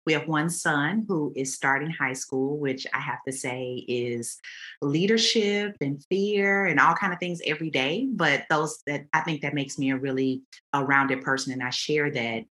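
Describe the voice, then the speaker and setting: A woman in her forties from Houston, a podcast guest giving a lively, playful self-introduction. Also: low voice, normal speed.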